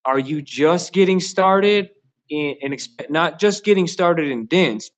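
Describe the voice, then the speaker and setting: A man talking as a guest on a casual live show, eager and folksy. He leans on fillers and sounds excited about gear. His voice sits a touch higher than usual for a man. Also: slow. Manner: enthusiastic, folksy, many fillers.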